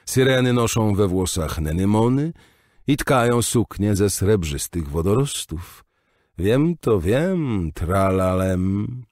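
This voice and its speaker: A man reading an audiobook voices a mad male jester who chants nonsense rhymes in a slow, drawn-out singsong. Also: lowish voice, expressive, darkish tone, no room sound, studio quality.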